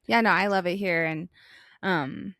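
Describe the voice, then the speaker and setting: A woman's voice: fairly low pitch, a little slow, fairly bright tone, no echo, clean studio sound. A young American woman from Arizona co-hosting a podcast in a casual, reflective way, with thoughtful, hesitant phrasing. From Flagstaff, Arizona, United States. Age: young adult. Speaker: podcast co-host.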